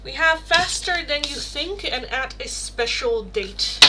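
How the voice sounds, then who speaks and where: A young Dutch woman with a Rotterdam accent reads tarot casually for her livestream, her high, animated voice keeping a measured pace. She chats and rambles through questions from the chat, using many fillers and self-corrections, in a very noisy recording.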